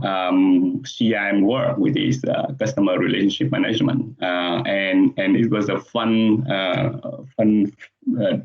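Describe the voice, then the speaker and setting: Halting man with a Vietnamese accent. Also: lowish voice. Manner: halting, frequent pauses and restarts. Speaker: conference presenter. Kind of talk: online technical presentation. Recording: dull, muffled sound.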